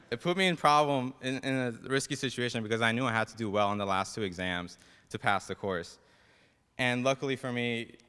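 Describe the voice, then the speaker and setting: Young guy w/ persian accent giving a ceremony speech, bright clear voice, big echoey hall. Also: on the low side. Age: young adult. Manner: self-deprecating, a little nervous. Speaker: dental student class president giving a speech. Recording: reverberant hall, PA-like echo.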